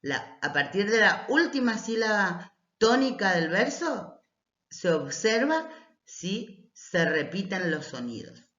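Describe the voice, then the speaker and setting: A woman teacher explaining lessons patiently, often checking in with a short "mm?" and reading verses aloud slowly. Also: medium pitch, big pitch swings, fairly bright tone. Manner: reads poems aloud slowly. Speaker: language teacher. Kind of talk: recorded class lecture. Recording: roomy, dull lo-fi recording.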